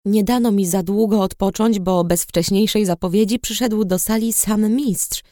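A woman reading a novel aloud in first person, in a subdued, low-key storytelling manner. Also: moderate pace, dark tone, no room sound, clean studio sound. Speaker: audiobook reader. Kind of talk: first-person scripted narration.

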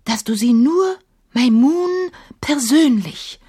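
A sentimental, contrite genie from a bottle , performed by a woman narrator, hushed to a secretive whisper. His voice sits high and breathy. He speaks with a lively, swooping pitch. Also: takes it slowly, heavily acted. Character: sentimental, apologetic male genie living in a bottle. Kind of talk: radio drama reading.

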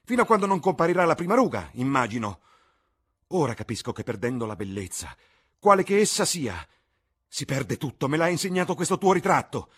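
A man's voice: mid-range voice, big pitch swings, moderate pace, husky, pitched above the performer's own voice. A man voicing a vain, desperate young man terrified of growing old, speaking in a strained, impassioned way. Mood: anguished.

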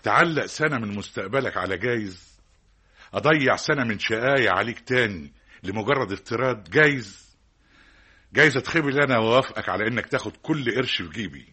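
A man's voice: on the low side, lively intonation, quick pace, bright, forceful tone, breathy edge, full character voice. An actor with an Egyptian accent playing a stern, hardworking middle-aged father who lectures his son with rhetorical repetition, in a classic radio drama. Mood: lecturing. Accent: Egyptian Arabic.

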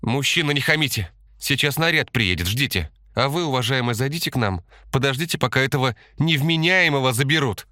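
A man voicing a stern middle-aged kindergarten teacher who scolds in a shrill voice in an audiobook. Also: lively intonation, a little fast, hardly any pauses, pushed and bright, no room sound, clean studio sound. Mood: scolding.

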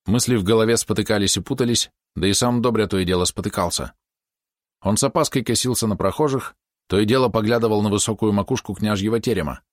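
A man narrating an audiobook in an even, storytelling delivery. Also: lowish voice, fast, dry recording, clean studio sound. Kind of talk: scripted narration.

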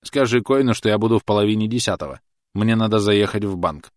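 A man reading aloud and voicing a bossy middle-aged uncle giving brisk orders. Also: on the low side, dry recording, studio quality, close to an everyday voice. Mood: commanding.

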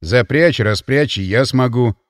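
A man voicing a gruff, easygoing mercenary who talks offhand. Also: medium pitch, unhurried, long reverb tail, pitched below the performer's own voice, close to an everyday voice.

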